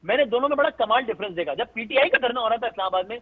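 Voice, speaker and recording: Husky man on a tinny phone line. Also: very high voice, lively intonation. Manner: measured, explanatory, builds his point step by step. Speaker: analyst guest. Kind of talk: talk-show analysis by phone. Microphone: phone call.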